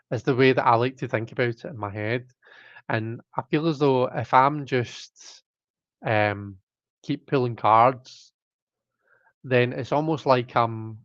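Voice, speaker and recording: A livestream host, a man with a medium-pitched, fairly bright voice, chats casually and reads from chat. He rambles with lots of fillers and restarts, and his throat keeps catching. The audio is dull and has no echo.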